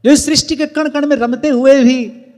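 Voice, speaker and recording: Male devotional preacher, very high voice, slow, explanatory; long hall reverb with faint music behind. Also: fairly even intonation, a little mellow. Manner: earnest teaching, explains word emphasis with examples. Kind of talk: devotional discourse.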